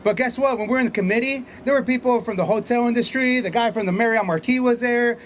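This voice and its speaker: A man's voice: very high-pitched, fast talker, slight background noise. A man emceeing an outdoor union rally, firing pointed questions at the crowd and laughing between points. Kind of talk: rally speech. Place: outdoors by hotels.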